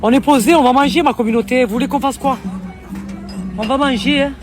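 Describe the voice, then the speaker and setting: A woman's voice: high-pitched, a little fast, music in the background. A tired woman vlogging to her followers, venting in an agitated, repetitive way. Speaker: social media vlogger. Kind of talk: emotional vlog rant to followers.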